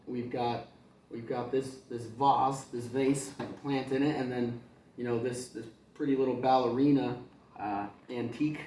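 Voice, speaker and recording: A male kindergarten teacher reads a picture book aloud, drifting into chatty asides and small chuckles. His mid-range, darkish voice echoes around a roomy space, with a little hiss or hum.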